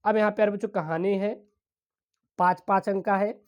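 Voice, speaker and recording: A woman teacher, explaining exam questions step by step and reading literary passages aloud slowly. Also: mid-range voice, fairly even intonation, a little mellow, dull audio. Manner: explains step by step, keeps calling students "dear children". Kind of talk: exam-prep lesson.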